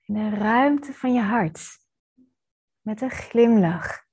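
Breathy woman doing a guided meditation, really unhurried, gentle and soothing, lots of pauses. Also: a little high, animated. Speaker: meditation teacher. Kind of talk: guided body-scan meditation.

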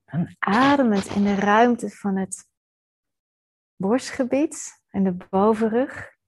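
This is a teacher guiding listeners through a body-scan meditation. She is a woman with a mid-range voice that is slightly husky and breathy, and she speaks softly and calmingly, leaving pauses.

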